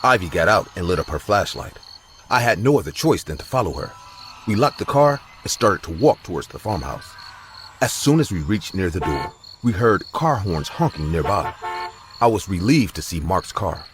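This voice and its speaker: A man with a very deep voice tells a scripted horror story, his pitch swinging lively from line to line. He reads in a dramatic storytelling manner, with faint music running beneath him. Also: normal speed. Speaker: narrator.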